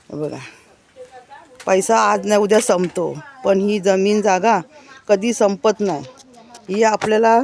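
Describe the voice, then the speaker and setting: A woman's voice: mid-range voice, darkish tone. A woman, chatting on a casual walking-tour vlog around her village house and yard outdoors, pointing things out to viewers as she goes. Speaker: village vlogger.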